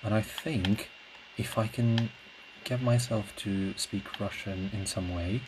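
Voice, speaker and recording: This podcast host and classical singer, whose first language is Portuguese, has a lowish voice and a slow delivery. Talking solo in a loose, casual ramble, he pauses reflectively and gropes for the right words over clear, constant background noise.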